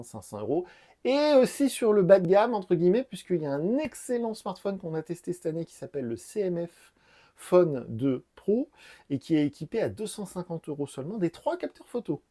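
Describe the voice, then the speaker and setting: A man's voice: a little high, mellow. A middle-aged man, a former phone salesman, explaining in a casual, chatty way and repeating his key points. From France. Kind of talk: casual buying-guide explainer. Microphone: lapel mic.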